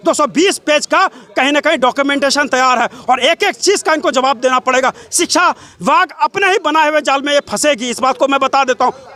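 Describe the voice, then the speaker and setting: A young adult man with a Bihari accent, interviewed as both a job candidate and a protester, speaks with impassioned force. His very high-pitched voice runs on breathlessly, stacking clauses, repetitions and rhetorical questions.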